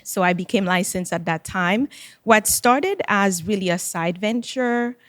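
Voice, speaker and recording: Measured Haitian-born woman, dry sound. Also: medium pitch, no room sound. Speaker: real estate advisor and educator. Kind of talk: conversational podcast interview.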